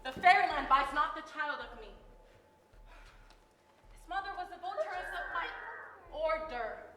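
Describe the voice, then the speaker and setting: A woman's voice: high voice, lively intonation, moderate pace. A woman playing a proud, jealous fairy queen in hammy, declamatory Shakespearean stage acting. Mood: defiant, tender. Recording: noisy echoing hall, live stage performance.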